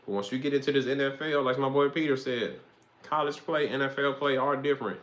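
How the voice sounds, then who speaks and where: A man's voice: mid-range voice, fairly even intonation, brisk, a bit bright. A young man, hosting a casual, rambling football monologue with slang and swearing. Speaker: host.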